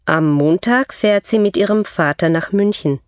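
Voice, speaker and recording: A woman reading scripted textbook dialogue for a language course with slow, clear enunciation. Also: medium pitch, no room sound.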